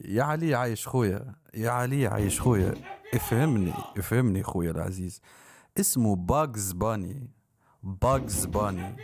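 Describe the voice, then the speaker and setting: Excitable man reacting live. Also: medium pitch. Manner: excitable, repetitive, mock-exasperated exclamations. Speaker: streamer reacting to a rap song. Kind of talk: live-stream reaction commentary.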